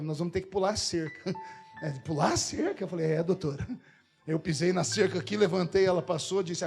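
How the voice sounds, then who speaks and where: High-voiced Brazilian preacher telling a story. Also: male voice. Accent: Brazilian Portuguese. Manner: humorous, lively storytelling with quoted dialogue. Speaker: pastor. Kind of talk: storytelling sermon.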